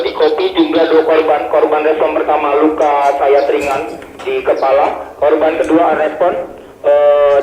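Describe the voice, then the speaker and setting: Man through a handheld radio, fairly high voice, terse procedural call-and-confirm talk, echoey noisy outdoors. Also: a little mellow. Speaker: rescue team commander on radio. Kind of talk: clipped radio protocol reports.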